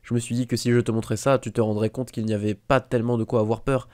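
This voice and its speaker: A man voicing a clever, intense eleven-year-old boy wizard who talks in an earnest, quick way, read in a fan audiobook. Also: mid-range voice, flat delivery, a little mellow, natural voice. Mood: remorseful.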